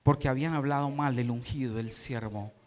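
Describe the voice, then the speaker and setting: A man's voice: mid-range voice, steady tone, fairly quick. A male pastor preaching a sermon, acting out scenes and asking the congregation dramatic questions. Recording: long hall reverb.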